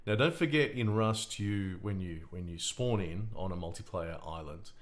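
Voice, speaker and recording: A man with a deep, low voice telling a story in relaxed conversation. He rambles and stops to restart his sentences, speaking as a game design researcher. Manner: halting, rambling, with many restarts.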